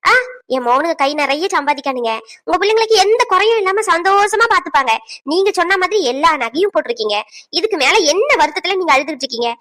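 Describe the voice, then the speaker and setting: A woman voicing a bossy, sharp-tongued middle-aged mother-in-law at a wedding in a cartoon. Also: very high-pitched. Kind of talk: cartoon voice acting, several village figures.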